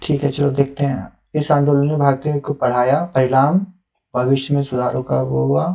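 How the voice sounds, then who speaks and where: This young man is a teacher reviewing answer sheets, patiently reading out students' responses and giving live feedback. His mid-range voice is gravelly and warm, delivered flatly at a moderate pace.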